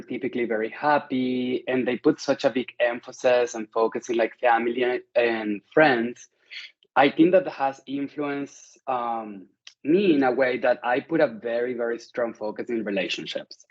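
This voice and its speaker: A man's voice: medium pitch, steady tone, normal speed. Chatty Venezuelan-born man, dull audio. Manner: friendly, chatty, many "like" fillers. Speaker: interview guest. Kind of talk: casual interview conversation.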